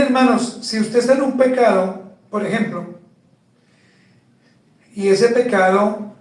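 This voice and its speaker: A man preaching a sermon as pastor, slow and emphatic, putting rhetorical questions to the congregation. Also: high-pitched, heavy reverb, distant mic, low-quality recording. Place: church.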